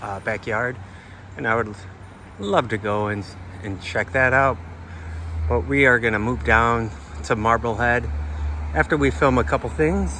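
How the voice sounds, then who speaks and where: A man's voice: mid-range voice, measured pace, bright, forceful tone. Man, casual travel vlog, rambling with fillers, outdoors, street and traffic noise behind. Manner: rambling, lots of fillers and restarts. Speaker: travel vlogger.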